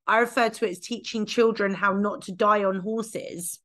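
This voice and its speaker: A woman's voice: medium pitch, steady tone, moderate pace, fairly bright tone. A woman hosting a podcast and chatting casually as a dog trainer, self-deprecating and laughing often. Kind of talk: casual conversational chat.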